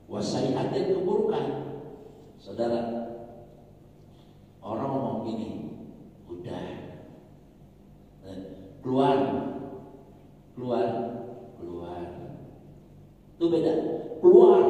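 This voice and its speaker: A man's voice: on the low side, dark tone, a little hiss or hum. A man giving a dawn study sermon, animatedly mixing Arabic recitation with casual explanation. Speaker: preacher. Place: mosque or prayer hall. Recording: echoey hall mic from far off.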